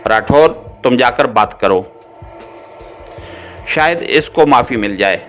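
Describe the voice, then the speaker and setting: A man voicing an armed male cult guard in an audiobook, speaking in a harsh, flat tone over soft background music. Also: medium pitch, takes it slowly. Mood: measured. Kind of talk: audiobook character reading.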